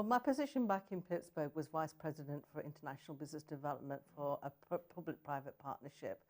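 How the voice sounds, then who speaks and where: A middle-aged woman from northern England, speaking with a Sheffield accent, chats upbeatly as a guest in a casual interview. She is a city economic development director, and her voice is low and slightly mellow.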